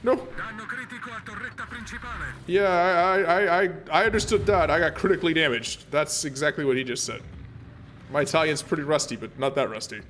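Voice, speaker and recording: A man's voice: on the high side, normal speed, long pauses, a bit bright, slight background noise. A man streaming a naval warship game, chatting casually and rambling with plenty of fillers and restarts. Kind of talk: casual gameplay commentary.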